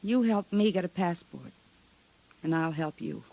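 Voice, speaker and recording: An actress playing a weary, guarded woman stranded abroad in a 1950s radio drama, speaking softly and pleadingly. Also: fairly low pitch, unhurried, gravelly, poor audio. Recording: old radio broadcast recording.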